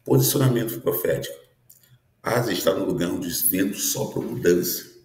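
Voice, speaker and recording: In a reverberant room, a pastor in his fifties teaches a prophetic sermon with earnest energy, checking in often through tag questions. His voice sits low and darkish, with lively intonation at a normal speed.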